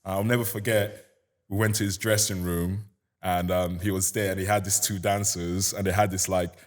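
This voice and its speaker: A young man with a Nigerian accent speaks in a very low voice. He tells his story in a relaxed, chatty way, laughing often and slipping into casual slang. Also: normal speed. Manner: relaxed, laughing, lots of "you get me" slang. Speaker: guest musician. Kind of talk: casual interview chat.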